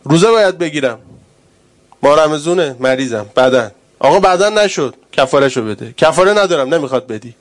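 A man preaching a sermon with great passion, rising to loud urgent cries and dropping to hushed, tender speech. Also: a little high, animated.

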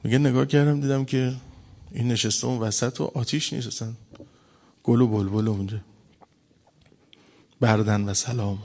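Male preacher, storytelling sermon, acts out dialogue, emphatic peaks, mid-range pitch. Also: fairly even intonation, long pauses, darkish tone. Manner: acts out quoted dialogue, rising to emphatic bursts.

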